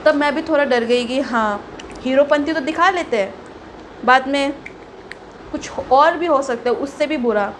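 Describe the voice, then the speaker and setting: High-voiced young woman telling a story. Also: unhurried, slight background noise. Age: young adult. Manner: animated, mixes in English phrases. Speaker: vlogger. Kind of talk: casual storytime.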